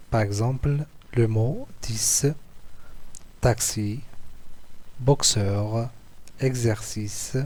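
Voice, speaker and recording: Speaking with an Algerian French accent and a mellow mid-range voice, a male teacher works slowly through written school exercises. He patiently repeats words and syllables as he goes.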